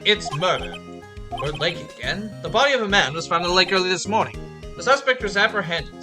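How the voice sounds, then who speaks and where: A woman doing a brisk news anchor. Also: on the low side, lightly acted. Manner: brisk broadcast delivery. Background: game music.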